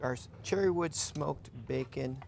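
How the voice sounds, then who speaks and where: A man's voice: on the high side, a little slow, vocal fry, a little mellow, a little hiss or hum. A middle-aged man, a restaurant guest on a TV cooking segment, talking eagerly with many repeated words and restarts. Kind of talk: casual TV cooking segment chat. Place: TV studio kitchen set.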